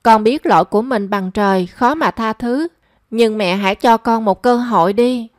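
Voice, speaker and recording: A woman's voice: a little high, moderate pace, dry recording, studio quality, lightly acted. A woman voicing a remorseful young woman who pleads with her family. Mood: pleading. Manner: pleading and emotional. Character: young daughter, remorseful and anxious.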